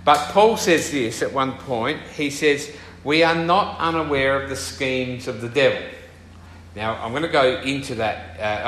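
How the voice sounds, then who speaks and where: A man's voice: mid-range voice, a bit bright. A man giving an informal sermon in church, reading Bible passages and talking easily with asides to his congregation. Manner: conversational, with many fillers and asides to the congregation. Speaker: preacher. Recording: echoey room.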